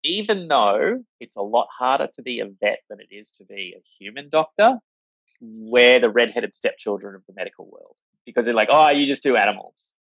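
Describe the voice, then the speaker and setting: A man's voice: medium pitch, lively intonation, normal speed, no echo. A man talks casually as an interview guest about life as a vet. He rambles with many fillers and acts out the voices of people he quotes. The recording is dry and a little dull. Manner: acts out voices when quoting.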